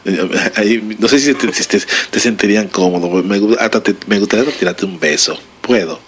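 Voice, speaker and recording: A man putting on a soft, stammering flirt. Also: a little fast, a little hiss or hum, close to an everyday voice. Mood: coaxing. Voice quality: low, soft and hesitant, stammering. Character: soft-spoken flirtatious man inviting a stranger over.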